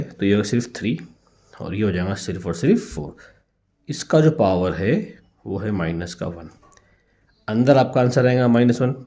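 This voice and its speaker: A man with an Indian accent, a maths teacher working through exercise problems step by step. He repeats each step patiently and asks the students quick checking questions. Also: lowish voice, warm tone.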